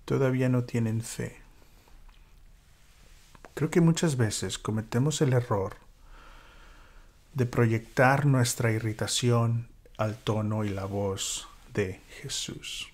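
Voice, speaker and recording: A man leading a church small-group Bible study, speaking reflectively with fillers and dropping into a whisper for calm moments. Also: mid-range voice, slow pace, pauses often. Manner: reflective, with many fillers and soft whispered asides.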